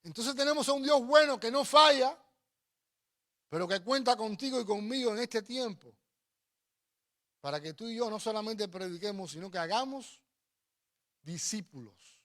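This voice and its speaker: A Cuban man preaches a sermon and tells personal stories in an emphatic, exhorting manner, repeating phrases. His high voice is animated and fairly bright in tone, at a moderate pace with long pauses.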